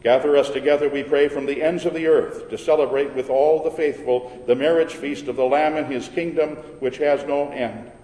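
A man leading a church service as pastor, reciting liturgical prayers in a solemn, measured and formal way. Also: fairly high pitch, steady tone, mellow, a little hiss or hum. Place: large church, indoors. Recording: echoey church hall with long reverb.

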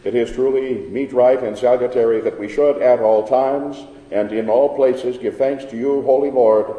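A pastor reading prayers in a measured, solemn way, his voice carried by a cathedral echo. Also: mid-range voice, fairly even intonation, muffled recording. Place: large church. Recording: reverberant church hall with organ.

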